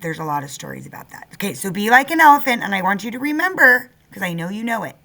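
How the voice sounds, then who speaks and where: A woman's voice: fairly low pitch, creaky. A woman teacher dictating a first-grade spelling test, sounding words out and repeating them with simple instructions for young children. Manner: sounds words out slowly, repeating each one.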